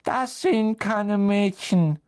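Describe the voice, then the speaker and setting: A narrator voicing a weepy, sulky ghost girl in a very high, tearful, whining voice, as in a storybook reading. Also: very slow, darkish tone, clean tone. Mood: suspicious. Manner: whiny, self-pitying wail. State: crying.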